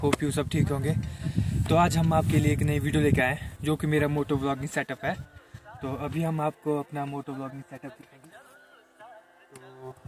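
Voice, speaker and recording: Young man vlogging outdoors, distant camera audio. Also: fairly high pitch. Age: young adult. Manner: rambling, many filler words. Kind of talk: casual chat. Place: outdoors on a hillside by a motorbike. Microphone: camera held by a helper a few steps away.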